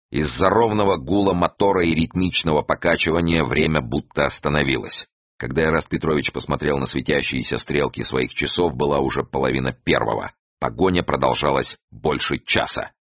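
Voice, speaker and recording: A man reading an adventure novel aloud as narrator, with expressive storytelling. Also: extremely low pitch, fairly quick, dry recording, highs cut off. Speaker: audiobook narrator. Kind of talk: scripted narration.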